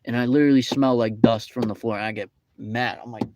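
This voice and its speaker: A man's voice: mid-range voice, steady tone, fast, darkish tone, muffled recording, slight background noise. A young man casually telling a rambling, indignant story with many fillers. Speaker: vlogger. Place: fast-food restaurant.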